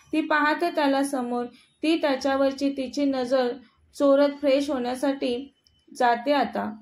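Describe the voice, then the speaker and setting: A woman storyteller reading a scripted story in a steady, even way. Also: high voice.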